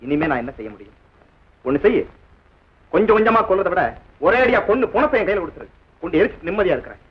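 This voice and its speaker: Husky, quick-talking, dignified brother-in-law, calm and reproachful. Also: male voice, high-pitched, heavily acted, rough recording. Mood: grave. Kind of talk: 1960s Tamil film acting.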